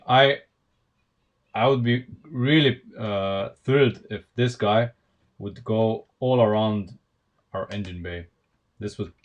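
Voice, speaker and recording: A man's voice: on the low side, highs cut off. A man from Slovenia with a Slovenian accent, chatting casually on a live stream while building Lego, thinking aloud with lots of fillers and restarts.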